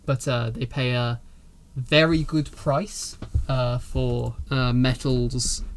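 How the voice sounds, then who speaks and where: A man's voice: mid-range voice, little pitch movement, takes it slowly, slight background noise. A man voicing a frightened, fawning middle-aged nobleman in a tabletop game, talking with nervous, stammering politeness.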